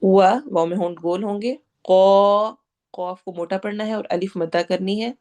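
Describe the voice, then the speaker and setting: A woman with a Pakistani Urdu accent leads a tajweed lesson in a patient teaching voice. She stretches each recited word slowly to show its sounds. Her explanations in Urdu are mixed with English terms. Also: medium pitch, dark tone.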